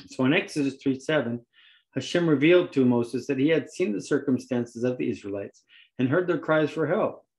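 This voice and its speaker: A man preaching a sermon, reading scripture aloud and pausing in turns for an interpreter. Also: medium pitch, animated, darkish tone, poor audio.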